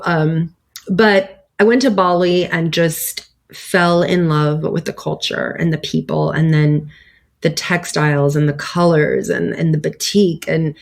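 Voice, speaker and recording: A woman with a fairly low voice, chatting casually as an interview guest. She rambles, fills her pauses with "you know" and "um", and laughs often as she tells her story. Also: vocal fry. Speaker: guest, clothing brand founder.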